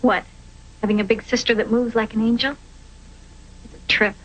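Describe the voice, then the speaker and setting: A woman's voice: on the high side, steady tone, moderate pace, lightly acted, low-quality recording. A woman playing a wary young woman. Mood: guarded. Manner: guarded, dry, hesitant. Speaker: film character.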